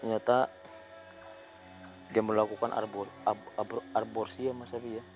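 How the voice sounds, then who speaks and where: A man, hosting a ghost-hunting video outdoors at night, talking in a hushed voice that turns into loud, urgent calls. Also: fairly low pitch, little pitch movement, moderate pace, faint music behind. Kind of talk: hushed on-location paranormal narration.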